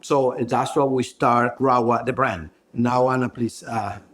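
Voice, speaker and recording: Halting man. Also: medium pitch, steady tone, a bit bright. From Ecuador. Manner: halting, searching for words. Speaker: brand co-founder and hairstylist. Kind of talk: podcast interview.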